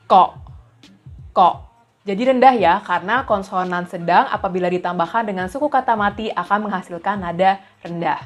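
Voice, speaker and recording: A woman teaching a language lesson, explaining rules patiently and repeating example syllables slowly. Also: mid-range voice, faint music behind.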